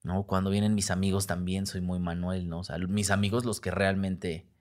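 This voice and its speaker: Mexican male comedian guest, lower-pitched voice, chatty, acts out quotes, restarts often. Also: normal speed. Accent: Mexican Spanish. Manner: animated storyteller who acts out quoted voices; frequent tag questions and self-interrupting restarts. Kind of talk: casual conversational interview.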